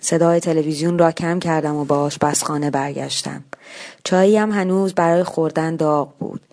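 A woman narrating a short story in a measured, calm reading. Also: low-pitched.

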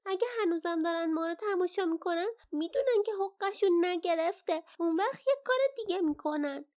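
A woman's voice: very high-pitched, a little mellow, voice pushed up. A woman voicing a small, timid companion in an audiobook, giving anxious warnings. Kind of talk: audiobook character voice.

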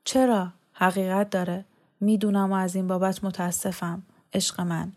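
A woman reading the part of a grieving mother who mourns her two sons, speaking softly and wearily. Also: mid-range voice, little pitch movement, natural voice. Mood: weary. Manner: soft, weary, subdued.

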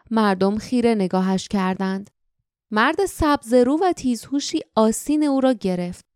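A woman narrating an audiobook in a steady, literary storytelling manner. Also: medium pitch, clear, resonant tone, no echo, studio quality. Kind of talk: scripted narration.

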